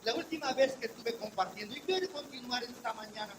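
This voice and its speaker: High-voiced older pastor preaching. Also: male voice, brisk, background noise. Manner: emotional testimony, swinging from quiet to loud. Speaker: missions pastor. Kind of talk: sermon. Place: church.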